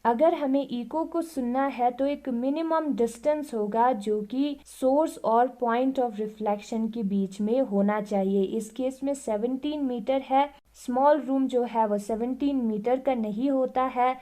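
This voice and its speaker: A woman teaching a science lesson, reading each textbook line slowly and then explaining it in simpler words, checking in between steps. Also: a little high, mellow. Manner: reads English lines slowly, then explains each in Hindi.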